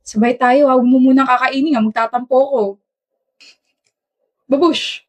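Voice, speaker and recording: A woman's voice: sits high, steady tone, normal speed. A woman acting in a romantic comedy skit, trading teasing, playful banter.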